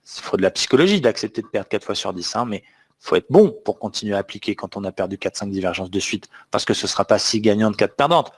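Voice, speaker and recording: This trading trainer has a fairly low, breathy-edged voice and talks fast and animatedly during a live online webinar. He stresses his points and often quizzes the audience on whether they've understood.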